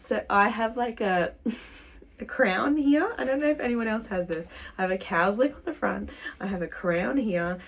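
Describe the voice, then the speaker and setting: A young travel vlogger chats casually to her camera, rambling and dropping plenty of fillers as she moves between travel spots and a hotel pod. Her voice is medium in pitch with vocal fry, at a moderate pace.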